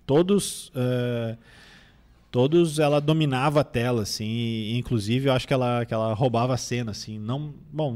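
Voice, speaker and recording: A man with a nasal voice from a cold, chatting casually as a film critic. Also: mid-range voice. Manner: relaxed, rambling with restarts. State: recovering from a cold. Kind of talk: casual film review chat.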